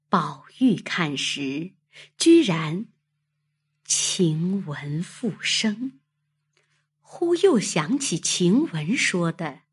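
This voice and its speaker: A woman narrating a classic novel in a slow, expressive reading style. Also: on the low side, breathy edge. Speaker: storyteller.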